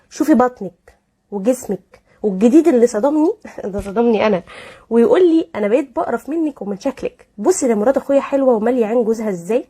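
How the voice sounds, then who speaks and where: A woman with an Egyptian Arabic accent reads out listener letters and gives advice. She talks extremely fast in a blunt, sarcastic way. Her voice sits a little high, with a dark, husky tone. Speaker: advice host.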